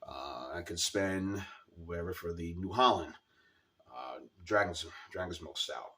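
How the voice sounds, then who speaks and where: A man's voice: deep voice, animated, unhurried, pushed and bright, far from the mic. A man with a scratchy, sore-sounding throat gives a casual, informal product review as a video host, repeating words for emphasis.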